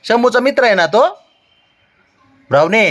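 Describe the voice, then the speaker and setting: A man soothing his pet in gentle baby talk, coaxing it and repeating calm reassurances over and over. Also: high-pitched, moderate pace. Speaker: pet owner vlogger.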